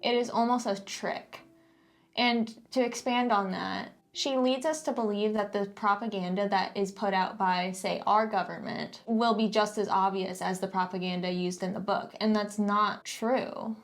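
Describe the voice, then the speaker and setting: A woman's voice: medium pitch, fairly even intonation, moderate pace. Sarcastic, critical woman in casual discussion. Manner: critical, sarcastic mock-quoting. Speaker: co-host of a book discussion. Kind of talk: casual opinionated book critique.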